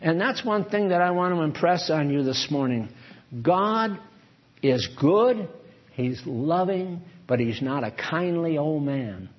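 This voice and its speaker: A man's voice: on the high side, lively intonation, measured pace. An older man teaching from the Bible in a conversational, off-the-cuff way, reading verses aloud and then explaining them with asides. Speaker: preacher. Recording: dull lo-fi recording.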